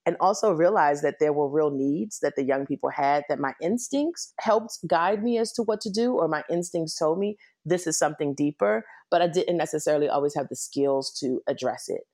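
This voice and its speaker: A woman's voice: low voice, moderate pace, hardly any pauses, darkish tone. A middle-aged American woman with a Washington, DC accent, telling her own story conversationally as an interview guest. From Washington, DC, United States. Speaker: interview guest, nonprofit executive.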